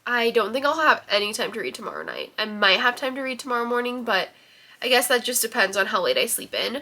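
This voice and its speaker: Recording on a camera in her room, a young woman book vlogger talks in a chatty, slightly rambling way, peppered with ums and likes. A head cold leaves her voice stuffy and nasal, and it is a little high, sing-song, fast and sharp.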